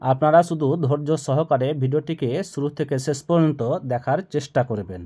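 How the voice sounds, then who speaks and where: A man's voice: fairly high pitch, warm tone. A man giving a Quran pronunciation lesson, explaining the rules patiently and repeating each phrase so learners can follow along. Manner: slow, drawn-out melodic recitation of verses. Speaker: Quran recitation teacher.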